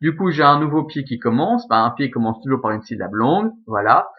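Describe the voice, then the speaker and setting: A male Latin teacher talks through verse scansion in a recorded lesson. His voice sits at an average pitch and he keeps checking that his class follows. The sound is dull and lo-fi. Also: animated, brisk. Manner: explanatory, checks understanding with frequent "ok?" and "d'accord?".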